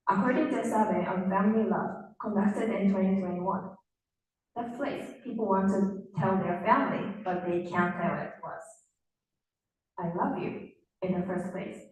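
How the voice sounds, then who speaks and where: A woman's voice: mid-range voice, a little mellow, far from the mic. Young woman orator, very echoey hall. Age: young adult. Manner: emphatic, dramatic oratory with pauses. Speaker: student speech contestant. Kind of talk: rehearsed formal speech. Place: large indoor hall on stage.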